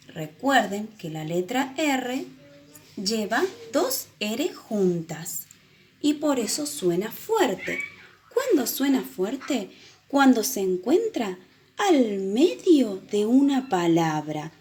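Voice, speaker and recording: A woman teaching children the sounds of a letter, explaining patiently and repeating example words slowly. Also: mid-range voice, darkish tone. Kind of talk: children's reading lesson.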